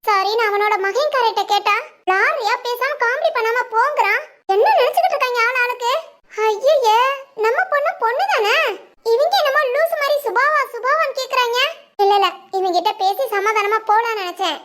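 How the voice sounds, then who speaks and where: A woman voicing a scheming village aunt, very high-pitched. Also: moderate pace, a bit bright. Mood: scheming mutter. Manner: scolding, then muttering schemes to herself. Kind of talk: comedy cartoon voice acting.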